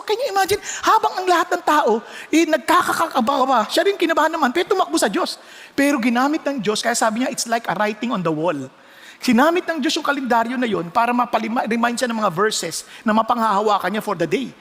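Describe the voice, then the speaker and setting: A pastor with a Filipino accent preaching a sermon, mixing Tagalog and English with sudden loud exclamations. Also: male voice, extremely high pitch, expressive, a little fast, in a large hall.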